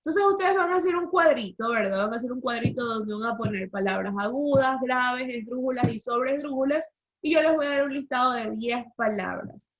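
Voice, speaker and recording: Woman, teacher, online lesson, explanatory, questioning, slightly high pitch, dull lo-fi call sound. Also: brisk. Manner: explanatory, quizzing the class with questions.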